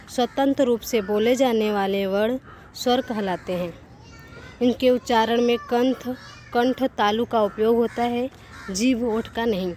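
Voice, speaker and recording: Brief: female teacher, slow and deliberate, higher voice, spells out sounds, faint noise and crows behind. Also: warm tone. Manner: repeats and corrects herself mid-sentence. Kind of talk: Hindi grammar lesson.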